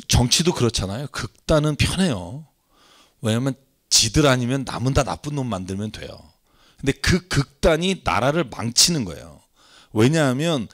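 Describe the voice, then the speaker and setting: A man's voice: fairly high pitch, fairly bright tone. A male pastor teaching from the Bible in a sermon, often turning to the congregation with questions. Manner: engaging, asks the congregation questions.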